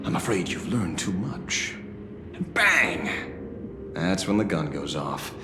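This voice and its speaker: A defiant, world-weary male detective from a game drama. The voice is deep and swings widely with sardonic emphasis, taking its time over each line. It has an echoey sound. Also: very animated, over music, exaggerated voice. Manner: sardonic, dramatic, deliberate delivery.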